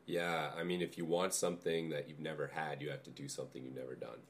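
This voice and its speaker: A man hosting a casual podcast conversation, calm and supportive, asking open questions. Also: extremely low pitch, fast talker, a little hiss or hum. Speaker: podcast host. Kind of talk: casual interview chat.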